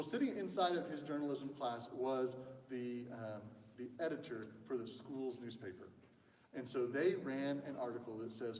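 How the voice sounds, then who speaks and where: Chatty pastor in an echoey hall. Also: male voice, a little high. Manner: chatty storyteller, acts out quotes. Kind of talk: casual sermon with audience banter. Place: church sanctuary. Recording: echoey church hall from a distance.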